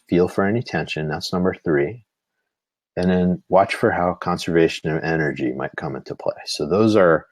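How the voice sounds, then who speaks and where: A man's voice: low voice, dry recording. A man giving a live-streamed lesson on bird behavior, explaining patiently with frequent "you know" fillers. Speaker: nature instructor.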